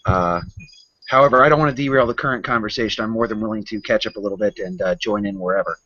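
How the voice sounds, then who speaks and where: A man's voice: on the low side, quick pace, pushed and bright. A man joining a casual podcast as a guest, chatty and self-assured, on a dull lo-fi recording.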